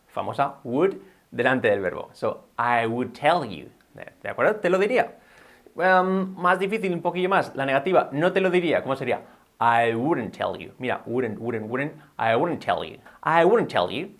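A man teaching English in a bilingual video lesson, repeating words slowly as drills. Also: medium pitch, a bit bright.

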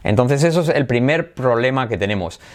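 A man with a Spain Spanish accent teaching English pronunciation in an energetic video lesson, often switching into English to model how words sound. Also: mid-range voice, fairly quick.

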